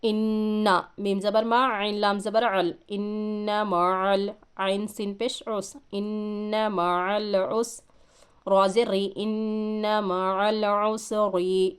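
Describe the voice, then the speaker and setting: A woman teaching Quran reading, spelling out letters and vowel marks one by one, then chanting the joined words slowly, with patient explanations in between. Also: mid-range voice, smooth. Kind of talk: slow syllable-by-syllable recitation lesson.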